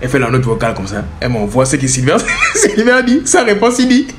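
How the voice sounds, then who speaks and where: A young man telling a funny personal story in a casual vlog, animated and laughing often. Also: mid-range voice, quick pace, noisy background.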